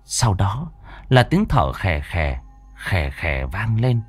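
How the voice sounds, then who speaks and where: A man's voice: low voice, big pitch swings, slow, slightly rough, no echo, faint music behind. A man narrating a horror audiobook in a dramatic storytelling manner.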